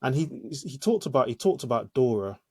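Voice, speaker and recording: A man's voice: medium pitch, big pitch swings, fairly quick, darkish tone, breathy edge. A man co-hosting a podcast, talking casually and thoughtfully with hesitant restarts. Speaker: podcast co-host. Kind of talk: casual chat.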